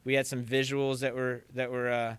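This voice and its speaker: A man guest on a podcast telling stories in casual talk, animated and acting out quotes. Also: mid-range voice, normal speed, smooth, dry recording. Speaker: podcast guest, percussion teacher. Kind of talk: casual interview storytelling.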